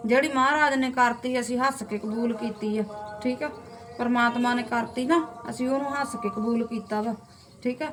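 A woman's voice: fairly high pitch, steady tone, moderate pace, background noise. A middle-aged woman with a Malwai Punjabi accent, vlogging from home and scolding rude commenters. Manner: indignant, scolding, rhetorical. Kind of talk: casual talk to camera.

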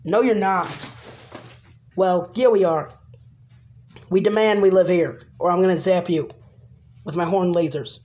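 A woman improvising a toy play video and voicing every figure herself, rambling and hesitant with many pauses and restarts. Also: on the low side, a little mellow. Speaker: toy video creator voicing all characters.

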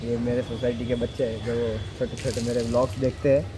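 In a noisy outdoor street recording, a young vlogger from Surat, India chats in his housing society, playfully teasing and coaxing the neighborhood children. He speaks fast at a medium pitch and in a level tone.

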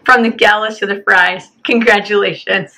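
Hoarse woman with a bright edge. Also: medium pitch, steady tone, moderate pace, poor audio. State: hoarse, lost voice. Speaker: channel co-host. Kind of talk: casual chat to camera.

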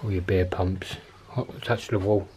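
A man's voice: low voice, steady tone, moderate pace, darkish tone, a little hiss or hum. A man giving casual, offhand walkthrough commentary as he explores an abandoned pub, recorded on a handheld camera mic while walking. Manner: chatty, offhand, thinking aloud. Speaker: urban explorer vlogger.

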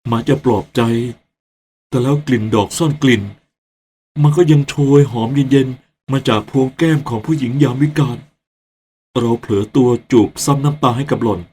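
A man's voice: mid-range voice, normal speed, mellow, slight background noise. A man narrating a radio ghost drama who stammers and hesitates when he speaks in the scenes. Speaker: narrator and lead actor.

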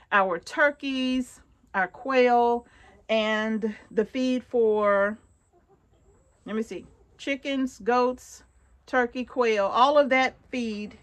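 Chatty woman filming her barn. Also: fairly high pitch. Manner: chatty, addresses viewers directly with frequent check-ins. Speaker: homesteader vlogger. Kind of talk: casual show-and-tell vlog. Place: open wooden barn outdoors. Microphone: phone at arm's length.

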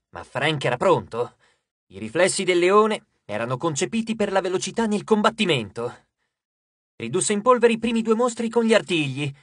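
Expressive male audiobook narrator. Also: high-pitched, dry recording, clean studio sound. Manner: expressive storytelling.

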